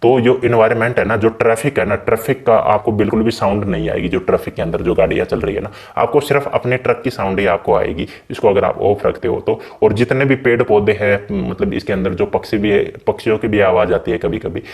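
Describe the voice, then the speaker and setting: Speaking briskly with few pauses, a man with a fairly low, darkish voice runs through a game's settings for his channel. His tone is casual and talkative, and he keeps calling viewers brother.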